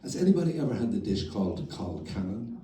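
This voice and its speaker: A man's voice: lowish voice, sing-song, fast talker, warm tone. A man performing as a folksinger and humorist, telling dry stories between songs to a live audience in a library room. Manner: wry storytelling between sung verses. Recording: roomy, mic at a distance, with guitar. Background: audience and guitar.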